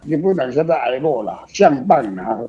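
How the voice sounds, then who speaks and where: An older man with a Taiwanese accent, appearing as a guest author, reflects casually on his own writing and often tacks on tag questions. His medium-pitched voice is warm and very animated, moving at a normal speed. The recording sounds muffled and slightly dull.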